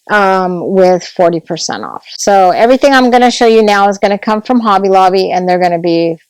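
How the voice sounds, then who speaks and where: A woman's voice: fairly low pitch, darkish tone, clear, resonant tone, no room sound, rough recording. A woman vlogging at home, chatting casually and gushing over a craft haul, sometimes dropping to a whisper.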